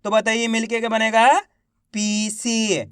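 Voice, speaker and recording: A man teaching children to read, sounding out each syllable slowly and then drawing out the whole word, while encouraging his viewers. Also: high voice, completely flat delivery, a bit bright, clean tone, no room sound, clean studio sound. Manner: encouraging, addresses viewers as friends. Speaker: Hindi reading teacher. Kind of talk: online reading lesson.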